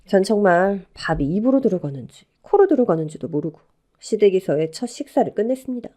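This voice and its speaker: A young bride telling her own story, read by a woman for a radio drama. Her speech is polite and deferential. Her pitch moves in a lively way. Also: brisk, natural voice. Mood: calm narration. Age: young adult. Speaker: narrator and new daughter-in-law.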